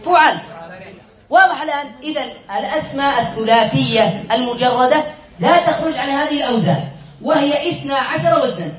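A man's voice: very high-pitched, a bit bright, reverberant, low-quality recording. A man teaching a classroom lesson, quizzing his students, repeating points and correcting himself with a chuckle. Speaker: sheikh teaching Arabic morphology.

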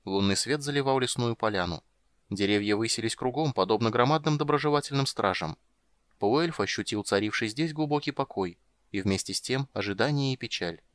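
A man narrating a fantasy audiobook in an even, measured storytelling manner. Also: medium pitch, clean tone, dry recording.

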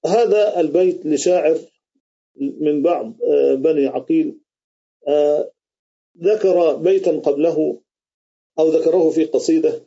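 A man's voice: fairly high pitch, a little slow, gravelly, pauses often, mellow, breathy edge, muffled recording. A man teaching an Arabic grammar lesson on a video call, quizzing his students and restating each rule. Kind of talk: live online grammar lesson.

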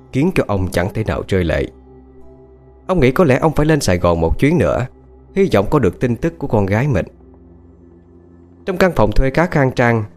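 A man narrating a ghost story in an expressive, scripted reading. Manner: expressive, varies pitch widely. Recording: faint background music.

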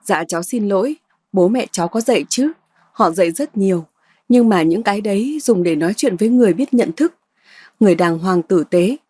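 A woman voicing a bold, sharp-tongued young woman who trades scornful retorts. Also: mid-range voice, animated, a little fast, breathy edge, dry recording.

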